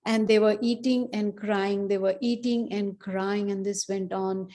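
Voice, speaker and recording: Woman, scripture class, mellow warm voice, chatty storytelling. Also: medium pitch, fairly even intonation, measured pace. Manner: conversational storytelling, frequent "you know". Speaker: class speaker.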